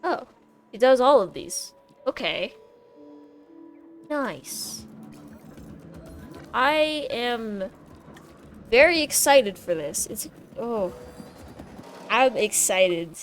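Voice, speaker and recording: A woman giving casual, excitable commentary while she plays a video game, often squealing with delight. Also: fairly high pitch, extremely slow, pauses often, soft background music. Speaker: gameplay streamer.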